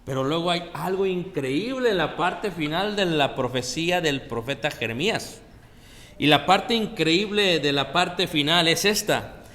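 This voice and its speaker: A man's voice: a little high, expressive, measured pace, sharp tone, reverberant, long reverb tail. A man preaching a sermon in a conversational way, often asking the congregation questions. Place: church.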